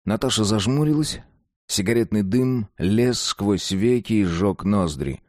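A man reading a dark story aloud, slow and deliberate. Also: fairly low pitch, animated, no room sound, studio quality. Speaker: narrator. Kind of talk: scripted narration of a dark story.

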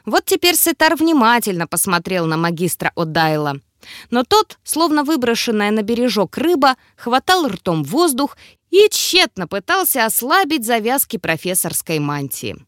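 A woman narrating a fantasy audiobook with expressive, wry storytelling. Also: fairly high pitch, moderate pace, dry recording, clean studio sound. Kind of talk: scripted narration.

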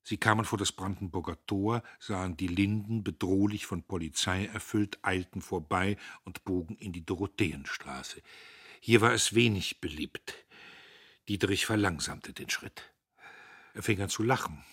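A man narrating a novel as an audiobook in a measured, expressive way. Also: low-pitched, husky.

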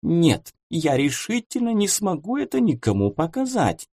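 A man's voice: fairly high pitch, wildly swooping pitch, a little slow, warm tone, breathy edge, no room sound, clean studio sound, voice pushed up, exaggerated voice. A man voicing a prim lady customer who speaks in flustered, gasping exclamations.

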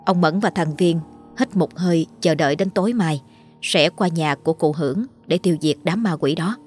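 A woman narrating a horror story in a steady, dramatic way. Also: fairly low pitch, moderate pace, slightly rough. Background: faint music.

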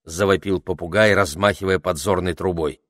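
A man's voice: deep voice, fairly even intonation, moderate pace, a bit bright, no echo, clean studio sound. A man reading a children's story aloud as the narrator of an audiobook.

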